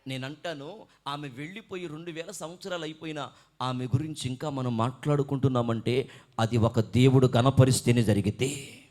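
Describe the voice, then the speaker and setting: A man preaching a fervent sermon at a church meeting, swinging between quiet pleading and shouted hallelujahs. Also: mid-range voice, steady tone, moderate pace. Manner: calls out hallelujah to the congregation. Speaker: pastor.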